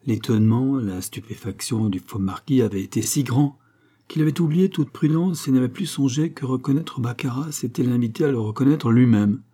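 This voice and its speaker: A man reading a classic novel aloud as an audiobook narrator, in a steady, measured way. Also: medium pitch. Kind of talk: scripted narration.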